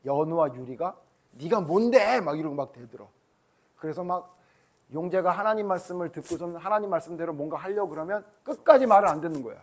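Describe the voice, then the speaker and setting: A man's voice: on the high side, quick pace. A middle-aged male pastor giving a children's sermon, asking the kids questions and acting out what the people in the story say. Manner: asks the children questions, acts out voices.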